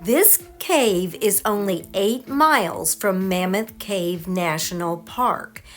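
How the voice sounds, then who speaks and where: A woman travel vlogger giving scripted narration of a sightseeing trip. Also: mid-range voice.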